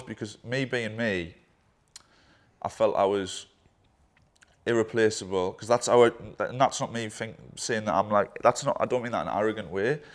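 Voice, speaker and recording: Young man, lowish pitch, candid and rambling, casually swears; a business partner looking back with him. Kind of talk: candid conversation.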